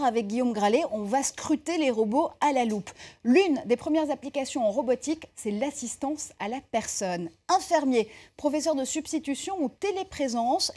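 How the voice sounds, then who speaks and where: A woman's voice: high-pitched, darkish tone. A woman presenting a technology show on television, with an emphatic scripted delivery and interview questions.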